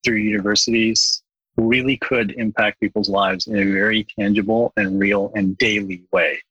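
A man's voice: fairly low pitch, fairly even intonation, moderate pace, pushed and bright, slightly rough, no room sound, poor audio. A middle-aged man from Bangladesh, a guest in a podcast interview, speaking earnestly and thoughtfully with frequent restarts.

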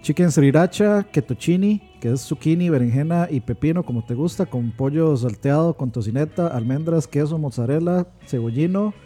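A man's voice: fairly high pitch, lively intonation, normal speed, few pauses, dark tone, breathy edge, soft background music. A man co-hosting a podcast, reading items aloud and joking dryly. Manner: reads menu items aloud, dry joking. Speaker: podcast co-host. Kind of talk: casual chat.

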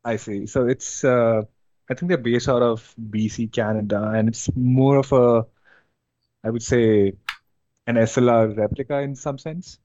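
A young man from India, chatting casually as an interview guest, relaxed and hesitant with many fillers. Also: medium pitch, a little slow, no room sound, muffled recording. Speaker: interview guest, amateur drifter.

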